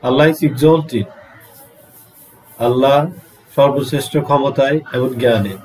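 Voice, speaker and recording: Slow Bangladeshi man teaching vocabulary. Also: mid-range voice, poor audio. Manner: drawn-out pronunciation drills, repeating words. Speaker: English teacher. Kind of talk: slow vocabulary lesson mixing English and Bangla.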